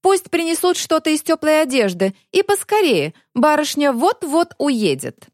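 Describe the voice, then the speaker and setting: A sneering middle-aged inspector, cold and villainous, mocking and theatrical as he taunts, put on by a woman reading an audiobook. His pitch swings widely, and the recording is dry and close. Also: very animated, normal speed, no echo.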